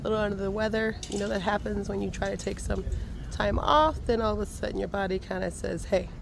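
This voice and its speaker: Raspy-voiced woman with a cold. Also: medium pitch, steady tone, fast talker, background noise. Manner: upbeat, thankful, points things out. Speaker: gardening vlogger. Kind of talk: casual garden tour. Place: outdoor home garden.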